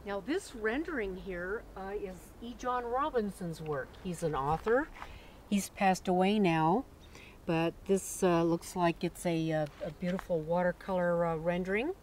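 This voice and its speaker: A middle-aged woman guiding a casual walking tour of a garden, talking in a gentle, admiring way with many fillers. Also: fairly low pitch, measured pace, poor audio. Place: outdoor botanical garden. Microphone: camera held by companion. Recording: outdoor noise on camera mic.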